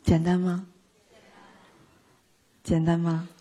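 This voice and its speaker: A woman giving a lively, playful motivational talk to a live audience, acting out little everyday scenes. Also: fairly low pitch, slow pace. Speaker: speaker teaching a live audience.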